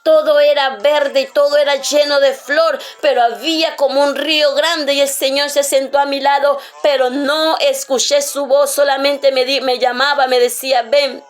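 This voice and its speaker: A woman from Colombia preaching her testimony to a church, fervent, often repeating praise words. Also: high voice. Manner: fervent, repeats "aleluya" and "amada iglesia". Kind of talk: sermon testimony.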